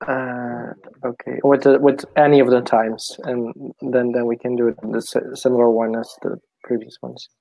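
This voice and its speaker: A man's voice: medium pitch, level tone, moderate pace, gravelly, dark tone, dry recording. A man leading an online team meeting, working through agenda items with short checks. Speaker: meeting facilitator. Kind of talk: casual meeting talk. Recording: dry, dull lo-fi call audio.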